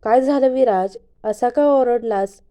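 Brief: woman doing a worried, scolding aunt, slow and warm-toned. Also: fairly high pitch, natural voice. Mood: fussing. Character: caring middle-aged aunt, worried and scolding.

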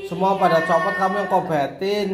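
A man's voice: sits high, fairly even intonation, brisk, loud music behind the voice. A young man, a father filming a family vlog, teasing his daughter in casual, playful chat at home. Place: indoors at home. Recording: echoey home room with faint background noise.

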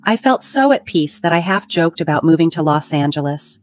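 Low-voiced woman narrating a story. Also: animated, a little fast. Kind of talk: scripted first-person story narration. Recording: dry close mic with faint music.

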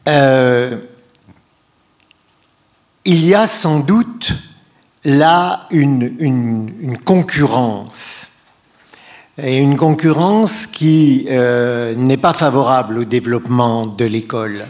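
An older man from France speaks slowly as a guest on a panel. He halts and repeats words as he searches for them, holding a handheld mic. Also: mid-range voice, darkish tone. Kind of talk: public panel debate.

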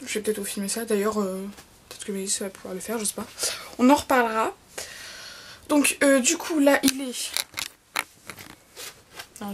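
High-ish teen girl, kinda hoarse, rambly phone vlog, faint hiss behind. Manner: rambling, many fillers and restarts. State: slightly hoarse. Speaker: vlogger. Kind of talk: casual vlog chat.

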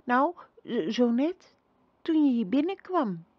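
A woman voicing a gentle young girl empress who speaks softly, calmly and reassuringly in a storybook reading. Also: fairly high pitch, slow, dry recording, lo-fi sound, pitched above the performer's own voice, heavily acted. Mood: serene. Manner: soft, calm and reassuring.

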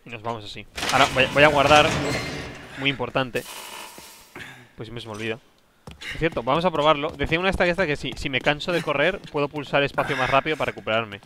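With a noisy background behind him, a fast-talking man of medium pitch gives casual commentary on a horror game. He mutters to himself in an anxious, jumpy manner.

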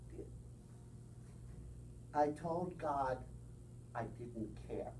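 Man, middle-aged, poetry reading, slow deliberate delivery, distant mic, faint room hum. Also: mid-range voice, a little mellow. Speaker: poet. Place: bookstore room with small audience. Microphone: far camera.

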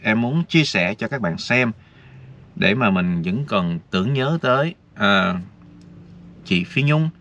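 Here a man's fairly low, slightly bright voice moves slowly but with lively intonation as he vlogs outside. Chatty and rambling, he talks right to his viewers over a dull, faintly noisy lo-fi recording.

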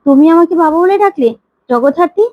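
A woman's voice: high voice, lively intonation, quick pace, no room sound, phone-quality sound. A woman voicing an emotional older man who keeps pleading to be called father. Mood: overjoyed. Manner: pleading, repeats his plea.

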